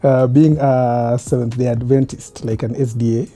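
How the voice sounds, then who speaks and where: A man's voice: medium pitch, normal speed. A Kenyan man in his thirties, a podcast guest telling his life story in an easy, reflective way with frequent laughs. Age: 30s. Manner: relaxed, reflective, laughs often. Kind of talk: casual interview.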